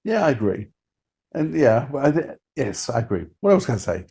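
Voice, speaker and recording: A podcast co-host with a medium-pitched, darkish voice, vocal fry and big pitch swings talks fairly quickly in an informal, enthusiastic way, chatting and reading out notes and credits. Acoustic guitar music plays behind him, and the audio is slightly rough.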